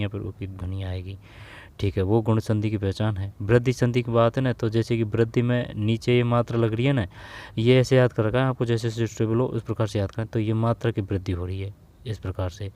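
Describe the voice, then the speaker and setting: A man's voice: on the low side, a little mellow. A man teaching exam grammar questions in a casual spoken lesson, thinking aloud, repeating words and often asking "है ना".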